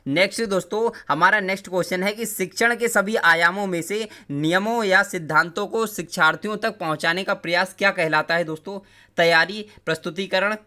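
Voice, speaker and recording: A man's voice: sits high, bright, forceful tone. A young man teaching an exam-prep lesson on a live stream, quizzing viewers and urging them again and again to comment their answers. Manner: coaxing, repeats phrases, keeps urging viewers to comment.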